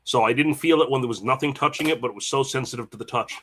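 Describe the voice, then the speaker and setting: Fast, bright-voiced man telling a rambling story. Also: medium pitch, slight background noise. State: summer cold, hiccups. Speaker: co-host. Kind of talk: casual chat.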